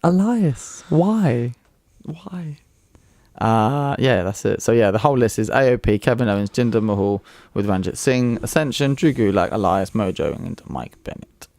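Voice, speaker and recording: Young man, casual wrestling co-host, animated delivery, dry close recording. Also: moderate pace, gravelly, dry recording. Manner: chatty, animated, jumps up in pitch for emphasis. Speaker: podcast co-host.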